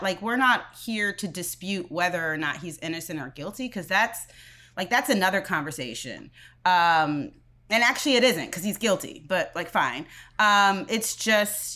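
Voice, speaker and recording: Chatty bright-voiced woman co-host. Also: medium pitch. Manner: chatty, many fillers, laughs often. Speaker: podcast co-host. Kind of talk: casual chat.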